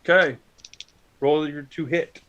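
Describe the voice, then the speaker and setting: A man's voice: on the high side, steady tone, slow pace, fairly bright tone, muffled recording. A man running a tabletop game as game master, describing monster attacks and calling on players, with hesitant fillers.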